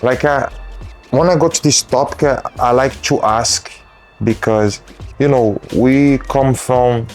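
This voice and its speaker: A man in his thirties, not a native English speaker, hosting a casual interview in halting, restarting speech. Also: mid-range voice, darkish tone, soft background music. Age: 30s. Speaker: podcast host.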